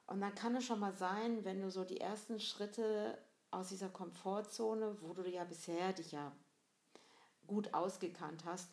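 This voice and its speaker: A woman with a fairly low voice speaks straight to the listener in a motivational monologue. She asks reflective questions in a loose, conversational way with plenty of fillers, and her voice rings in a roomy space. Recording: roomy echo.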